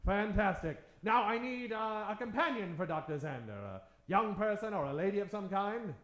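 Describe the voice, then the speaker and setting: A man with a high, slightly bright voice speaks expressively at a normal speed. He's hosting a live improv show for a theater crowd, playing it up in a tongue-in-cheek, theatrical send-up of old-time radio. The audio carries the roomy echo of the stage.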